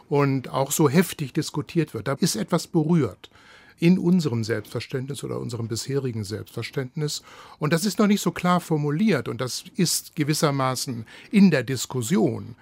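A man talks as a guest in a radio debate. His voice has a gravelly edge, and his reflective, deliberate speech sits close and dry. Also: mid-range voice, animated, a little mellow, dry recording. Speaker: panel guest. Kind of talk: radio discussion.

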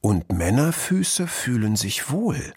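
A man voicing a clever, casual young male fox cub in a storybook, reading aloud slowly and carefully. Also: mid-range voice, sing-song, a little mellow, breathy edge, dry recording, studio quality, full character voice.

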